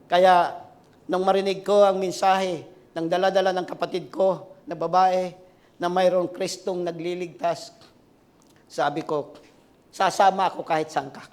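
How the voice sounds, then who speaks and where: A man in his sixties preaching a sermon as pastor, swinging from shouted climaxes to quiet asides and asking the congregation for responses. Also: high voice. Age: 60s.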